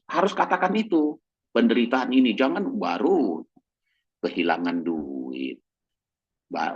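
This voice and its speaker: A man preaches in a relaxed, conversational way, often checking in with his listeners between points. His voice sits low but swings widely in pitch when he stresses something. The recording is dull and lo-fi. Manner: chatty, keeps tagging "ya" and "gitu ya"; animated, jumps high in pitch for emphasis. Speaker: pastor. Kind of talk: conversational evening sermon.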